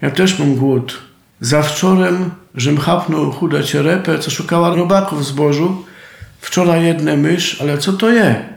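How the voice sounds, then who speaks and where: Sly scheming fox, Silesian, slow gravelly delivery, echoey; a man voices him. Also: on the high side. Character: sly hungry male fox.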